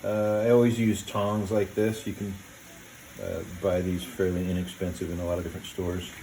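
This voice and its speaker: A man hosting a casual cooking video in a home kitchen, talking step by step in a relaxed, plain way with many "uh"s and "um"s. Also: deep voice, normal speed, background noise. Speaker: home cooking show host.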